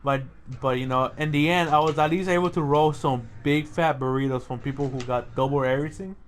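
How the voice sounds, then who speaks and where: A young man co-hosting a casual podcast, relaxed and swearing freely, laughing as he tells work stories. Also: a little high, a little fast, slight background noise. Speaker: podcast co-host. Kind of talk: casual chat.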